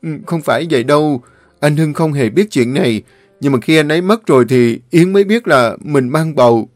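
A man's voice: on the high side, moderate pace, a little mellow, dry recording, faint music behind, voice pushed up, natural voice. A man voicing a guilty young adult son, speaking hesitantly and apologetically.

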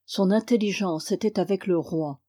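Female audiobook reader, warm mellow tone, steady measured narration of a period novel. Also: mid-range voice, slightly rough. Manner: steady, measured reading, lifting the voice for quoted dialogue.

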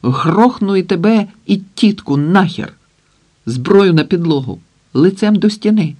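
A man voicing a furious, gleeful armed man who shouts coarse commands in an audiobook. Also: sits high, lively intonation, a little slow, voice pushed up. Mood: furious shouting.

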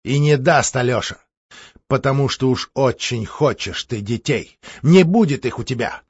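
A man voicing a delirious, dying nobleman in an audiobook, speaking low, quiet and muttering. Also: moderate pace, breathy edge, no room sound, highs cut off. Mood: feverish. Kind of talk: audiobook character voice.

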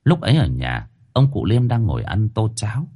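A man narrating a dramatic story in an expressive, emotional way. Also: on the low side, moderate pace, slightly rough.

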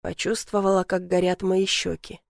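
A woman narrating a first-person audiobook in an expressive, wry way. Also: fairly low pitch, moderate pace, gravelly, no room sound, studio quality. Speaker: audiobook reader.

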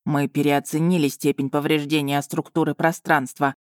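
A woman voicing an overjoyed, overwrought male dragon in an audiobook, speaking a little lower and with earnest warmth. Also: flat delivery, moderate pace, no echo, clean studio sound, lightly acted. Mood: calm, pleased.

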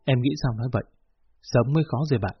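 Gentle young guy comforting a friend , narrator doing his lines, soft and earnest, husky, muffled audio. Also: mid-range voice, fast talker, no room sound. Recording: muffled lo-fi with faint music.

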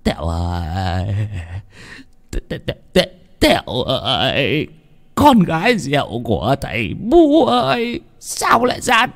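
A man's voice: medium pitch, sing-song, a little slow, breathy edge. A man voicing a cruel old village official who stammers and wails over his daughter. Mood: wailing grief. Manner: wailing, stammering.

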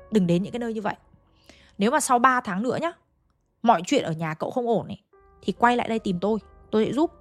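Người phụ nữ kể truyện ma giọng Bắc. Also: female voice, mid-range voice. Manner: chatty, addresses listeners directly. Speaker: ghost story narrator. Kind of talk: casual storytelling.

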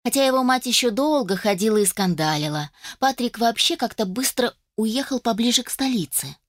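A woman reading a first-person novel aloud as an audiobook narrator, in an even storytelling way. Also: a little high, a little fast, no echo, studio quality.

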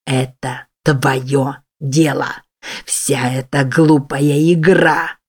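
A woman voicing a brutal, monstrous man, speaking slowly and menacingly and breaking into shouts. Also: deep voice, steady tone. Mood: raging.

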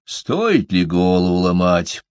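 A man's voice: sits low, sing-song, takes it slowly, darkish tone, smooth, dry recording, full character voice. A man voicing a small young male hobbit who talks bluntly and impatiently.

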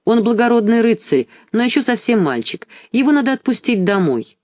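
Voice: mid-range voice, very animated, brisk, darkish tone, no echo, pitched above the performer's own voice, natural voice. A reader voicing a young girl in a storybook who pleads earnestly, in a dry recording. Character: hot-headed young knight girl's friend, young girl Alisa.

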